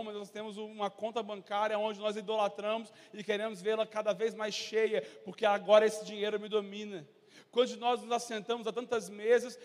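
Impassioned high-voiced man preaching. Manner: impassioned, rhetorical questions, acts out crowd voices. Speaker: pastor. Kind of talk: sermon. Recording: long hall reverb.

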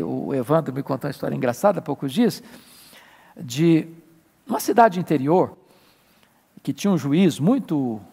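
A male pastor preaching a Bible-study sermon with animated, emphatic bursts. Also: a little high, vocal fry, husky, long reverb tail. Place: church sanctuary.

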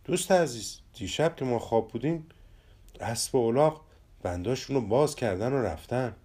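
A man's voice: medium pitch, lively intonation, darkish tone, breathy edge. A man voicing a jealous, self-pitying traveler in a storybook tale who keeps complaining. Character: grumbling jealous man traveler, Ahmad Bek.

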